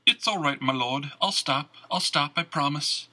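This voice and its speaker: A timid, nervous minstrel who stammers and pleads, put on by a man. The voice sits well above his usual pitch, bright and a little husky, with a lively lilt. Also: a little slow, full character voice. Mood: fearful. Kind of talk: audiobook character reading.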